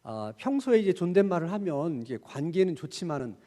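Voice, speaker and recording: Man, pastor preaching, high lively voice, mellow tone, long church reverb. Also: fairly quick. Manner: conversational preaching with rhetorical questions; acts out gentle quoted dialogue. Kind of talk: Wednesday prayer meeting sermon. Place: church sanctuary.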